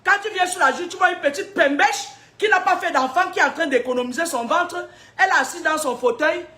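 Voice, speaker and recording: High, bright-voiced woman preaching with fire. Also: fairly quick. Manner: emphatic and combative, asks rhetorical questions, often laughs. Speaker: spiritual seer giving prophecies. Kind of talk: preaching spiritual warnings to an audience.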